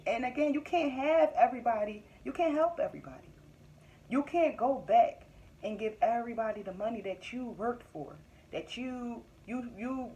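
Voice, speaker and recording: A young woman from Philadelphia, a business owner and vlogger, giving candid motivational advice to camera in a casual, emphatic way, often laughing and repeating her points. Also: fairly high pitch. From Philadelphia area, US.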